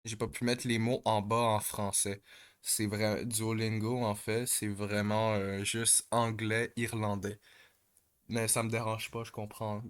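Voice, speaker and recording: A man talks through his practice exercises at an unhurried, drawn-out pace. His voice sits a bit low, and he stops often to search for words, filling the gaps with hesitations. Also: flat delivery, smooth. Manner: hesitant, many pauses and fillers. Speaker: language learner explaining exercises. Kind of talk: casual step-by-step explanation.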